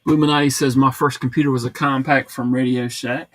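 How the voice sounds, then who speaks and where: A man hosts a casual livestream chat from home, reading viewer comments aloud. He rambles in a relaxed way, full of "uh"s and restarts, at an everyday mid pitch. The sound is close and dry, with no room echo. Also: brisk.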